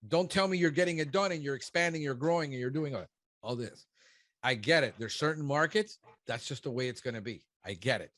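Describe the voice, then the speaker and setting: A man's voice: mid-range voice, fairly quick, a bit bright, no room sound, studio quality. A man in his fifties, a business consultant, giving blunt and emphatic one-on-one coaching. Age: 50s. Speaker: pest control business consultant.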